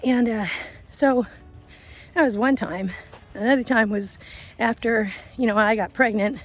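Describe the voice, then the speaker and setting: A woman's voice: fairly high pitch, steady tone, measured pace. A woman in her fifties talking casually while walking outdoors, a little out of breath, rambling with fillers. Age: 50s. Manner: chatty, rambling with fillers and self-corrections. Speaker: vlogger. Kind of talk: casual walk-and-talk vlog. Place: outdoors in a grassy field. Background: faint traffic and a passing airplane.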